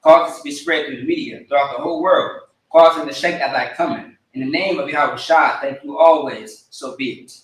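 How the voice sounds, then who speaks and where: In an echoey room, a man serving as priest delivers a live-streamed sermon, teaching and frequently checking in with "all right?" and "okay?". His voice is a little high and fairly quick, with hardly any pauses.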